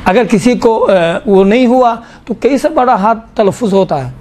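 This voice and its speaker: Male teacher with a high voice leading a class in Quran recitation rules, patient and questioning. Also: lively intonation, a little mellow. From Pakistan. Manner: explains slowly, asks the class questions, draws out sounds. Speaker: tajweed teacher.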